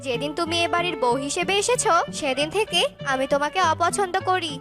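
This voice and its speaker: A woman's voice: very high-pitched, brisk, music in the background. A woman voicing a spiteful, nagging old bird grandmother who scolds her daughter-in-law in a cartoon. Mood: scolding.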